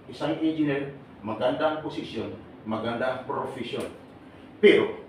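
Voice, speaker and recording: A man leads a seminar for a live crowd, bantering, laughing and throwing questions at the listeners. His voice sits in the middle range and comes from some distance from the mic, caught in a large echoing hall with faint noise underneath. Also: medium pitch. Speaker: seminar speaker for overseas workers. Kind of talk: lively seminar talk to a live audience. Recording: echoey hall, voice from far off.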